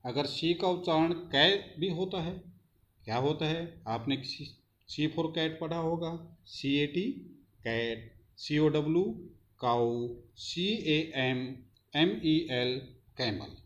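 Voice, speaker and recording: Male teacher, very slow and deliberate, spells out each word for kids, muffled lo-fi recording. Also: on the high side. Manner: spells words letter by letter, then says them. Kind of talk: slow phonics lesson for children.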